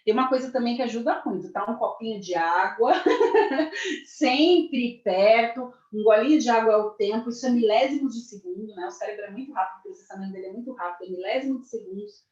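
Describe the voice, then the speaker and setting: A woman's voice: a little high, brisk, darkish tone. A woman with a Brazilian accent, a career mentor giving a corporate training talk, speaking to the audience directly and acting out example phrases. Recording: echoey, dull lo-fi sound.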